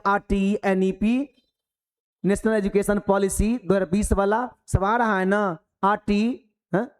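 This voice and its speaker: A male teacher giving a lively classroom lecture, animated and preachy, full of rhetorical questions. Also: high voice.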